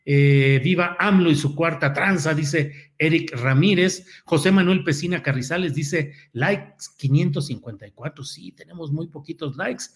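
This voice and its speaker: A man's voice: a little high, normal speed, hardly any pauses. A man with a Mexican accent hosting a live online news and interview show without a script.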